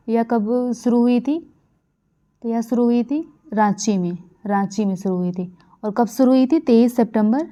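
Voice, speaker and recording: A woman's voice: fairly high pitch, warm tone. A woman from India giving a current affairs lecture for exam preparation, repeating key facts with frequent fillers. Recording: dull lo-fi recording.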